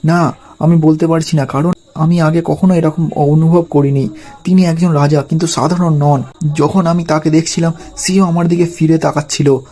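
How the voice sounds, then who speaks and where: A man's voice: a little high, normal speed, lightly acted. A man reading as a shaken young woman. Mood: frightened. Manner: flat, read-aloud delivery.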